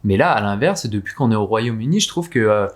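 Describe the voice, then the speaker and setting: A man co-hosting a podcast who talks in relaxed, rambling, slang-filled casual conversation. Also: lowish voice, fairly quick. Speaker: podcast co-host.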